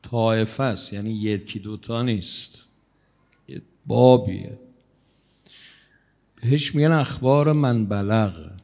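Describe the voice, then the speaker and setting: A male cleric preaching to a congregation with a gravelly, dark voice. He talks conversationally, teasing his listeners, and his volume swells and drops as he goes. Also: fairly low pitch, pauses often. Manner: conversational, teasing the audience, shifting loudness. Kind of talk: religious sermon to a congregation.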